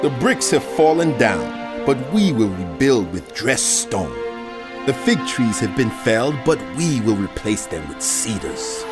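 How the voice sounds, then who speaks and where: Man playing a proud, animated ancient Israelite over music. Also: medium pitch, a little slow. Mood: proud defiance. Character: proud, arrogant men of ancient Israel, defiant. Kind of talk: dramatized Bible audio drama. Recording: music bed under the voice. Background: background music.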